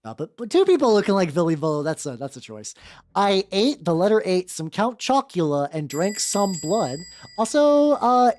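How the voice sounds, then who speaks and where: Over background music, a woman streaming as a vtuber mixes casual chat with reading fan fiction. Her mid-range voice is very animated and a little mellow at a normal speed, and she frequently stammers, repeats herself, and breaks off to add remarks.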